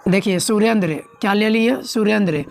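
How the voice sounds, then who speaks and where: A woman's voice: mid-range voice, normal speed, vocal fry, darkish tone, soft background music. A woman teaching a grammar lesson, often asking the class a question and answering it herself. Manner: repeats questions to students, coaxing.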